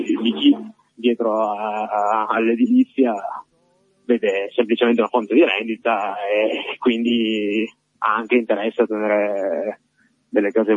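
A male field reporter comes through over the phone, his voice husky and a touch low. The line is dull and lo-fi and the sound is dry and close. He talks earnestly and halts often while he describes the scene. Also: no echo. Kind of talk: live on-the-spot report. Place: on location outside an occupied building.

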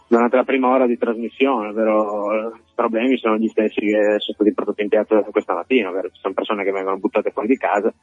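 Husky male reporter calling in over the phone. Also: on the low side, dry recording. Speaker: field reporter. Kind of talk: live on-the-spot report. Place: on location outside an occupied building. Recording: dull lo-fi phone line.

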